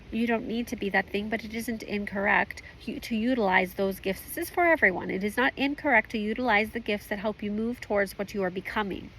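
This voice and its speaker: Woman channeling a calm spirit guide, seance medium delivery, creaky voice, stilted formal phrasing, instructive. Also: mid-range voice, a little hiss or hum, natural voice, low-quality recording. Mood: assured, guiding. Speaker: trance channeler at a group session. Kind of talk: trance channeling, spiritual guidance.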